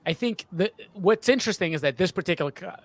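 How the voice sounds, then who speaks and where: A sound designer in his thirties answers an interview question about his creative process over a video call from his small home studio. He is halting, often repeating and restarting words, in a high-pitched voice with lively intonation. A desk boom mic captures him up close with no echo.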